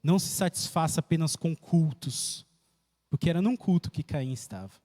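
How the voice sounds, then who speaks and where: A man preaching a church sermon, emphatic and repetitive, with sharp swings in pitch. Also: expressive, moderate pace. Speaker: pastor. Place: church sanctuary. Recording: echoey church hall.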